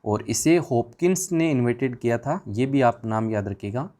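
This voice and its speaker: A man's voice: medium pitch, expressive, normal speed, warm tone. A man teaching an exam revision class, firing questions at the students and answering them himself in a chatty, informal way.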